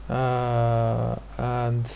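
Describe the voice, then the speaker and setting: Gravelly man teaching physics. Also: medium pitch, completely flat delivery, extremely slow, warm tone, a little hiss or hum. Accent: non-American, his remark says so. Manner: hesitant, many fillers and restarts. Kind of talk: explaining exam questions.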